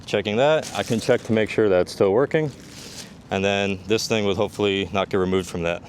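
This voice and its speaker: A man's voice: lowish voice, fairly quick, a little hiss or hum. A man working as a combat medic instructor, giving a hands-on demonstration and methodically explaining each step.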